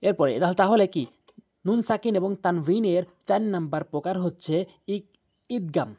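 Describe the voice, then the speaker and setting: A man's voice: sits high, moderate pace, dark tone, slightly rough. A man teaching the rules of Quran recitation, patiently repeating each rule, spelling out letters and drawing out the recited words. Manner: drawls the recited Arabic words. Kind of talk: tajweed lesson over a screen drawing.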